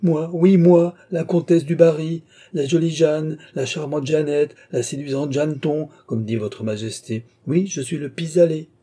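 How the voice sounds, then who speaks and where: A man's voice: mid-range voice, lively intonation, moderate pace, few pauses, warm tone, breathy edge. A man voicing a proud, witty young royal mistress in an audiobook, sulky and mock-indignant. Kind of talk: audiobook character reading.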